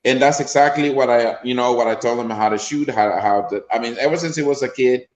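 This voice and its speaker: A man with a Honduran accent talks about his son in a casual interview. He rambles and restarts often, at a middle pitch. The room around him rings with echo. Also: fairly quick, slight background noise. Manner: rambling, full of fillers and restarts. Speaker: player's father.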